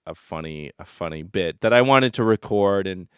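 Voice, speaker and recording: A man with a low, smooth, clear voice trades jokes with his co-host in an easy, casual chat. He is playfully blunt, and his voice sounds close and dry into a studio microphone. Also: expressive, normal speed, no echo, highs cut off. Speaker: podcast co-host.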